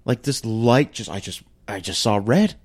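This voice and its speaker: A man telling a story in casual chat, animated and swearing freely, his pitch jumping when he gets worked up. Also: normal speed.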